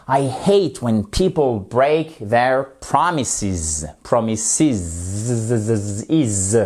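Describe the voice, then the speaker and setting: A man teaching English in French, a lively video lesson where he reads the English example sentences slowly and with stress. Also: mid-range voice.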